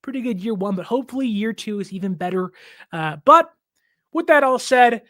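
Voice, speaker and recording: A man's voice: high-pitched, expressive, brisk, a bit bright, no room sound, clean studio sound. A young man hosting a sports podcast in casual chat, talking loosely with lots of fillers and laughs. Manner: chatty, laughing, filler-heavy. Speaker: podcast host.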